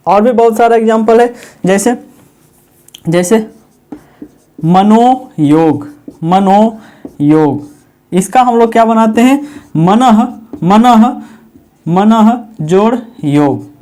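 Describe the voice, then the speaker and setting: During a Hindi grammar lesson, the male teacher, whose voice is high-pitched yet dark in tone, questions his students and then responds on their behalf. Key words get repeated at a slow pace.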